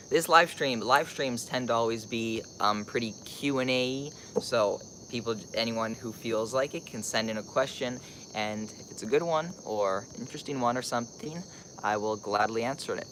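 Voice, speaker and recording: A man's voice: mid-range voice, normal speed, fairly bright tone, slight background noise, rough recording. A teenage young man from Costa Rica chats casually as a live-streaming vlogger, rambling and thinking aloud with lots of filler "like"s.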